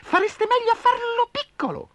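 A man voicing a tiny male mouse in a storybook tale, in a very high squeak. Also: very animated, moderate pace, sharp tone, no echo, full character voice. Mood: demanding.

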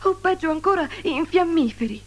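A woman voicing a young female fir tree, fretful and proud, in a high, plaintive sing-song voice over music. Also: moderate pace, slightly rough. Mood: gloomy. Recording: music playing underneath.

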